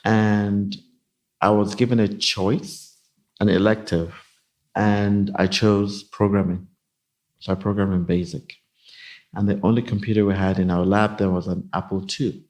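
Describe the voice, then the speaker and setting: A man in his fifties from Nigeria, a company executive answering interview questions in a measured, explanatory way. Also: fairly low pitch, flat delivery, darkish tone. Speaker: guest, company CIO. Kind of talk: casual interview.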